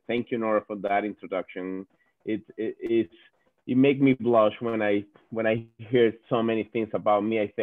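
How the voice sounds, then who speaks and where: Speaking informally on a video call, a company executive from Venezuela gives a guest talk in accented English, Spanish being his native language. He sounds earnest and repeats words often as he hunts for the right ones. His voice is on the low side, carried by dry, phone-like call audio with no room sound.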